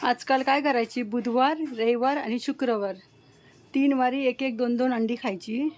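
Woman, high voice, casual chat with pets, coaxing and scolding, faint background noise. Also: steady tone, normal speed, a little mellow. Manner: scolding, coaxing talk to animals. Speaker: vlogger feeding pets.

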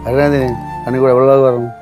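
A man's voice: medium pitch, flat delivery, rapid-fire, close to an everyday voice. An actor playing a drunk, doting older father who pleads with his daughter in a slurred, repetitive way, in a TV sitcom. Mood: coaxing. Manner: slurred, pleading, repeats endearments. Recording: TV sitcom with music underneath.

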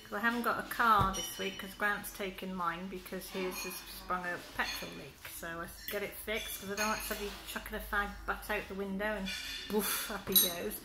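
A woman's voice: mid-range voice, steady tone, brisk, few pauses, roomy sound. Middle-aged woman, chatty vlog mum, noisy background. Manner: chatty, chirpy, rises into a sing-song voice for the dogs. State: worn out from walking. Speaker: vlogger, mother. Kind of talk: casual family vlog chat.

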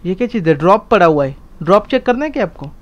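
A man streaming a mobile survival game, chatting casually and firing off repeated excited commands to his teammates. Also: high voice, quick pace, muffled recording. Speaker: gaming streamer. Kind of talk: casual gameplay chat.

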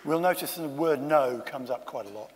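A man's voice: medium pitch, normal speed, a little hiss or hum. A man giving a conference talk with wry, self-deprecating asides. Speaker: conference speaker. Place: conference room. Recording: long hall reverb.

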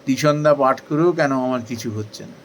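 A man giving a devotional talk in an earnest, persuasive way, asking questions and then answering them himself, with rising emphasis that softens again. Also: medium pitch, quick pace, slight background noise, rough recording. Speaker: spiritual speaker. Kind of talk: devotional discourse.

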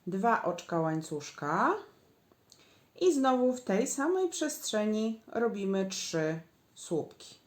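A woman's voice: mid-range voice, sing-song, takes it slowly. A woman giving a patient, step-by-step crochet tutorial, counting stitches aloud as she works. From Poland. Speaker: crochet instructor. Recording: echoey room.

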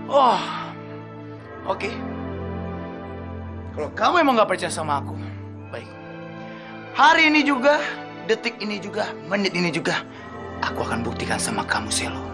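An impulsive young husband begs his wife to stay. His voice sits rather high, and he talks insistently, sometimes breaking into shouts. A film music score plays clearly underneath. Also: sing-song, normal speed, long pauses. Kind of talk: TV film acting. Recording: film soundtrack with loud music behind.

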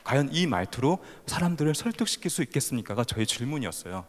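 A man's voice: mid-range voice, very animated, fast. A man in his thirties with a faint Gyeongsang-tinged accent, telling his life story as a stage speaker and acting out the scenes. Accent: Gyeongsang-tinged Seoul Korean. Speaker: speaker at a youth festival talk. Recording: hall reverb from a stage talk.

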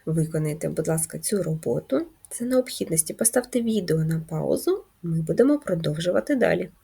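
A woman teaching first graders in a video lesson, speaking slowly and clearly in a sing-song way for young children. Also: deep voice, animated, dark tone. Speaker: primary school teacher.

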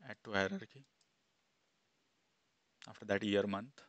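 A man in his thirties, an instructor, talking step by step through a screen-recorded software tutorial on a headset mic, with fillers as he goes. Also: lowish voice, a little slow, dry recording. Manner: plain step-by-step, thinking aloud with fillers. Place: small room indoors.

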